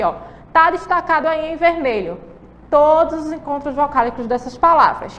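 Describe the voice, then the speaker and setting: A woman's voice: high-pitched, a bit bright, in a large hall, muffled recording. A woman teacher with a Brazilian Portuguese accent, giving a patient lesson to children and often checking that they follow. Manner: patient, drawn-out explaining with frequent checking questions.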